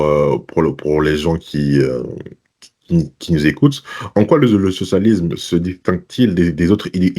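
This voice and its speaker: A man with a Belgian French accent and a very deep, dark voice hosts an interview. He reads out his questions casually and hesitantly, with frequent fillers. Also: slightly rough. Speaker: interview host. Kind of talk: hosting an interview.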